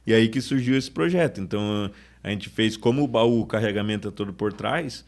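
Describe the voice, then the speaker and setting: A man's voice: fairly low pitch, fairly quick. Chatty man. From Brazil. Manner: chatty, restarts sentences often, acts out customer quotes. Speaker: sales manager guest. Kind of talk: casual podcast interview.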